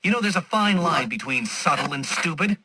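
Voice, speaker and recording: An actor playing a smug, condescending genius villain in a video game, sarcastic, theatrical and pompous. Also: male voice, a little high, expressive, normal speed, background noise, natural voice. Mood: indignant, sardonic.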